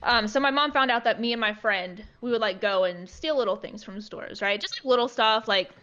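A young woman telling a long story in a relaxed chat, her voice bright and somewhat high. She leans on "like" fillers constantly. The recording sounds slightly lo-fi. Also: a little fast. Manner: chatty, heavy use of "like" fillers.

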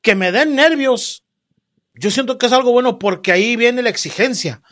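A comedian hosting a casual interview, animated and profane, acting out stories as he talks. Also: very high voice, moderate pace. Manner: animated, profane, acts out his own nerves. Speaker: host, comedian and singer.

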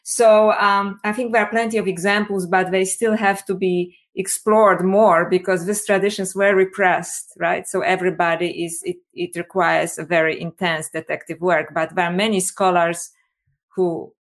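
Woman, panel guest, lowish voice, thinks aloud with fillers and restarts. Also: fairly even intonation. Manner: halting, many fillers and restarts. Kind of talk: panel discussion.

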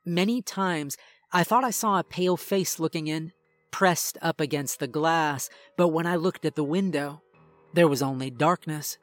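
A man reading a first-person horror story in a tense, measured way. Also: fairly high pitch, no room sound. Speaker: narrator. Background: faint music.

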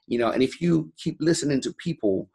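This man's voice is a little high and fairly quick, warm in tone with vocal fry. He is a gym owner from Iran in his forties, a guest in a motivational interview, speaking bluntly, profanely and with fire, and he repeats "you know" nonstop.

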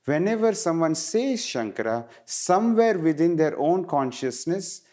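A man's voice: on the high side, big pitch swings, unhurried, mellow. A middle-aged man from India in a casual interview, explaining things earnestly and animatedly, often restarting his phrases. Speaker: guest, wellness educator.

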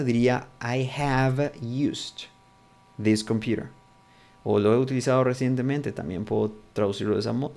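A man's voice: medium pitch, a little mellow. A man teaching a language lesson, patiently working through examples and checking in often with his students. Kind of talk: explaining a lesson.

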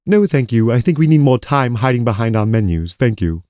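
An exasperated, formal schemer played by a man from a comic audio melodrama, secretive and terse. The medium-pitched voice swings expressively with disapproval and sits dry and close. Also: big pitch swings, fairly quick, dark tone, no echo, natural voice. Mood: exasperated, hushed urgency. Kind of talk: comic audio drama acting.

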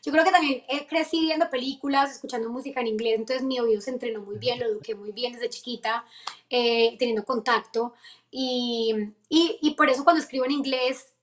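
A young singer talks through an interview in a lively, chatty way. Her voice sits a little high for a woman, and she slips English phrases into her Spanish with quick restarts. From Colombia. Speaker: singer-songwriter guest. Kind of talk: casual interview.

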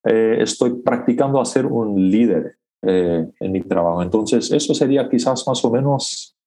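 A man from Paraguay speaks as an interview guest, his voice on the low side. His is Plautdietsch, and he talks in a thoughtful, measured way, stopping often to gather his words. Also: dark tone. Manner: thoughtful and measured, with frequent "eh" pauses. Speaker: guest, academic. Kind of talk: conversational interview.

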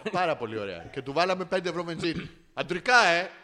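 A man's voice: fairly high pitch, very animated, fairly bright tone. A man co-hosting a podcast in casual chat, rambling through a holiday story and quoting the people in it. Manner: rambling, tells a holiday story with quoted dialogue. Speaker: podcast co-host.

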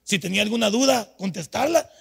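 An older man preaching a sermon in church, telling stories from his own life and swinging from quiet talk to shouting. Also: sits high, animated, fast, creaky, slightly rough. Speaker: pastor.

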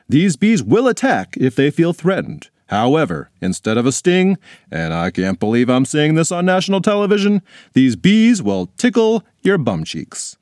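A man's voice: a little high, a little mellow, no echo, clean studio sound, voice pushed up. A man voicing an adult TV news anchor who speaks in a formal, mock-serious broadcast manner.

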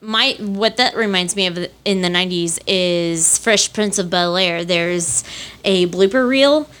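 A woman hosting a podcast in casual, animated chat, laughing often and playfully arguing her point. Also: lowish voice, a little slow, clear, resonant tone. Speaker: podcast host.

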